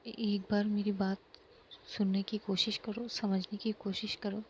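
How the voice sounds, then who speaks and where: Female reader doing a pleading young woman in love, slow-paced. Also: mid-range voice, little pitch movement, a little mellow, lo-fi sound, slight background noise, natural voice. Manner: pleading, earnest.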